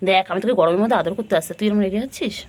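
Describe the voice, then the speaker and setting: A woman vlogger talking sing-song baby talk to her cat on a rooftop, repeating pet words and dropping to soft murmurs. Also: medium pitch, very fast. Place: rooftop outdoors.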